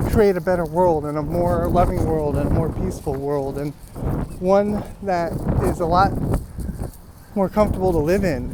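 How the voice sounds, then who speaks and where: A man with a high voice talks to his viewers like an earnest motivational vlogger. He speaks in halting, encouraging phrases with pauses between them. Faint outdoor noise sits behind him. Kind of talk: walk-and-talk vlog monologue, motivational. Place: outdoors, walking in rainy weather.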